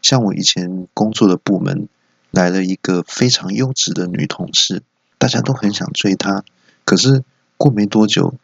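A man's voice: moderate pace, creaky, husky, no room sound, dull audio. A man hosting a solo comedy podcast with a Taiwanese Mandarin accent, telling office jokes and acting out the people in them. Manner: storytelling, voices characters with high squeaky outbursts. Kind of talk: solo comedy monologue with acted quotes.

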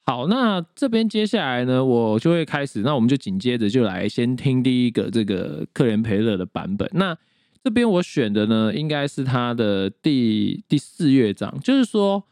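A man co-hosting a podcast, explaining classical recordings in a relaxed, thinking-aloud way. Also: mid-range voice, normal speed, clean tone, no room sound, studio quality. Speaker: podcast co-host. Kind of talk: casual chat on classical music.

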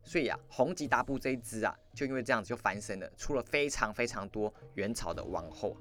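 A man hosting a history podcast, telling the story in a lively, conversational way with asides to the listener. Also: medium pitch, fast talker. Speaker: podcast host. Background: faint background music.

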